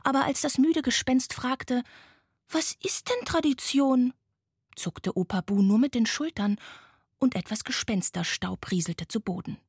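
A woman narrating a children's bedtime story in a gentle, expressive, often hushed way, with a breathy voice. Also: a little high, moderate pace, no echo, clean studio sound.

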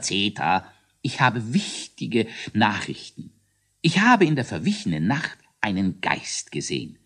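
A man's voice: mid-range voice, husky, pitched above the performer's own voice, exaggerated voice. A man voicing a timid little Mogler creature who stammers and frets. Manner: stammering, fussy.

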